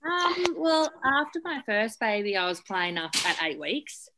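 A woman in her thirties with an Australian accent, chatting as a guest about breeding horses and coaching, relaxed and full of fillers. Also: fairly high pitch, measured pace. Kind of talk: casual chat. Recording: noisy background.

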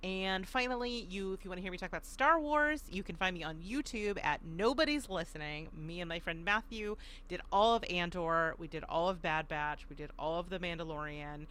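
A woman's voice: fairly low pitch, a little fast, fairly bright tone. A woman guest on a podcast, chatting casually and animatedly, laughing often.

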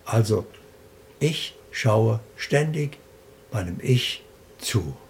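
A man being interviewed, calmly and slowly laying out his spiritual practice point by point. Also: on the low side, slight background noise. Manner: slow, deliberate, explaining in lists. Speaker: interview guest. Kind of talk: calm spiritual interview talk.

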